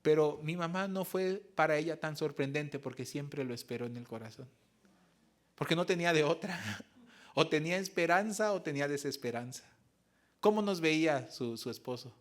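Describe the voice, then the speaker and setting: A man preaching a sermon as pastor, telling personal stories in an earnest way that moves from soft reflection to raised emphasis. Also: on the high side, normal speed. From Mexico. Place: church service.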